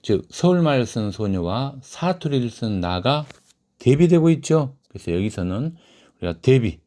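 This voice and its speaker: Very animated and dark in tone, this man's mid-range voice moves at a moderate pace through a literature lesson on a short story. He quizzes the class, then answers himself, and quoted lines come out in a raised voice.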